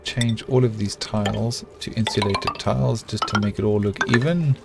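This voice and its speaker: Loud music sits behind a fairly low, gravelly voice at a moderate pace. The speaker, a middle-aged game streamer with a South African accent, casually chats with his audience and mumbles to himself while building a colony.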